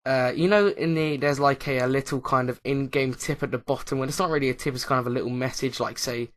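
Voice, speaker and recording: Speaking at a quick pace with a steady tone, a middle-pitched male Minecraft Let's Player gives casual commentary over his gameplay. He hesitates constantly with uh, um and like, rambling and restarting sentences when he loses his thread.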